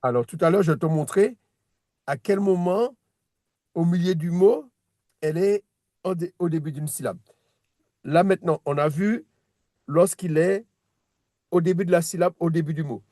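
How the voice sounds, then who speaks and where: A man's voice: a little high, moderate pace, pauses often, warm tone, dry recording, studio quality. A man teaching a one-on-one reading lesson, patient, repeating words and restarting his sentences as he explains. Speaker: Hebrew teacher.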